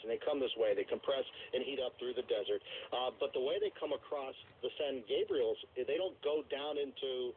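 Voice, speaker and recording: Male radio reporter, mid-pitched, explanatory and off the cuff, narrow phone sound with faint noise. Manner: explanatory, repeats and rephrases. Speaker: news correspondent. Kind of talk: live unscripted field report.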